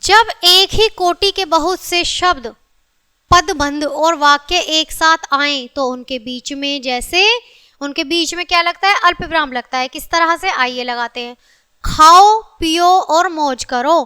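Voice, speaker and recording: A woman gives a recorded grammar lesson for children in a bright, high voice. She keeps checking that her pupils follow, and she slows down to stress each example sentence. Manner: addresses children often, checks understanding with repeated questions. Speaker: teacher.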